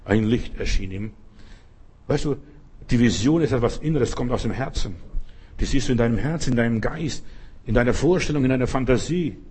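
A man preaching with a husky, slightly breathy voice. He talks emphatically, repeats phrases for weight, and speaks straight to the listener. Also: mid-range voice, fairly quick, a little mellow. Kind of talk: sermon.

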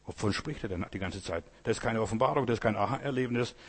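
A man's voice: fairly low pitch, fast talker, slightly rough. A man preaching a sermon, addressing the congregation directly and often asking "you know?". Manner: addresses listeners directly with "weißt du" and "Geschwister".

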